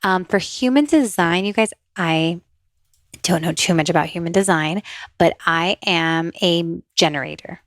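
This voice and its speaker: Born in New Jersey and raised in Miami, the host of this casual solo podcast is also an intuitive reader, and she keeps things chatty and upbeat with frequent laughter between thoughts. Her pitch is fairly low and her pace a little slow, captured in a dry, studio-quality recording.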